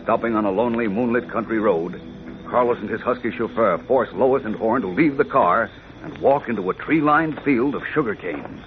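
A man's voice: on the low side, lively intonation, normal speed. Old timey radio announcer guy, dramatic recap narration, music under it, tinny 40s sound. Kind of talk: 1940s radio serial narration.

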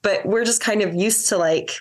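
A woman's voice: medium pitch, normal speed. A woman in her thirties, a military wife and mother, talking candidly as a podcast guest in a casual chat, with lots of fillers and restarts. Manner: candid, rambling, full of fillers and self-corrections.

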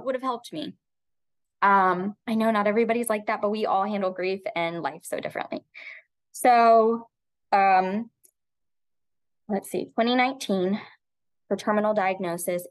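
A woman in her thirties, a guest on an interview podcast, tells a long personal story in her own words. She speaks reflectively, often restarting her sentences and filling pauses with "um." Her voice sits at an ordinary pitch for a woman. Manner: reflective, with frequent restarts and filler "um"s.

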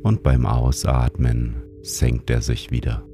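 A man narrates a guided sleep meditation in a soothing, calm manner, like a sleep-story narrator. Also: extremely low pitch, slow, over music. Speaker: meditation guide and show host.

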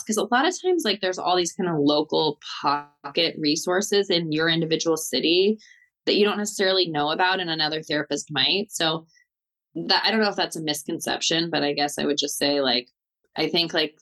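A woman's voice: on the low side, fairly bright tone. A woman with a Southern Californian, slightly Valley girl accent, chatting informally as a therapist being interviewed, peppering her talk with "like" and "totally". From Southern California, United States. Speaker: therapist, guest. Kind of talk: casual interview chat.

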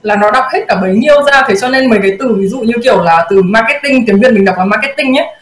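A young woman co-hosting a casual chat, telling stories in a lively way and acting out the voices of the people in them. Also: a little high, racing, a little hiss or hum. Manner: lively storyteller, acts out quoted voices. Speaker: co-host. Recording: roomy echo.

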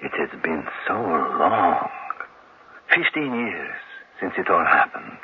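An actor playing an aging exiled professor in a radio drama, agitated and halting, with a husky voice, heard on an old lo-fi radio recording. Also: male voice, deep voice, sing-song, exaggerated voice. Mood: bitter. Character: aging male exiled professor, anxious and haunted.

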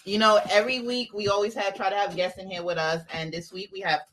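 A woman's voice: medium pitch, flat delivery, fast, very noisy. Chatty, blunt woman co-hosting a podcast. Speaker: podcast co-host. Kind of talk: casual podcast chat.

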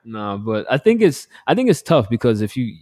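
A man's voice: mid-range voice, big pitch swings, moderate pace, a little mellow, no room sound, clean studio sound. A man co-hosting a sports podcast, reasoning aloud in a loose, conversational way. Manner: conversational, reasoning aloud with frequent "you know". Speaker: podcast co-host. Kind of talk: casual sports podcast discussion.

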